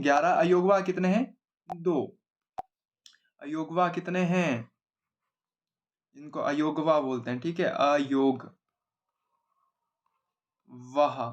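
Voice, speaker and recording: A male grammar teacher giving an exam-oriented lesson at a board, explaining simply and often asking and answering his own questions. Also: on the high side. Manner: explains simply, repeats questions and answers them himself, asks 'है ना?' often.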